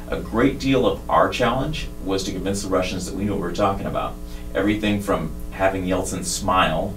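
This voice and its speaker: A man's voice: deep voice, a bit bright. A man giving a prepared, punchy tribute to a longtime campaign partner. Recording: roomy, distant mic with faint music.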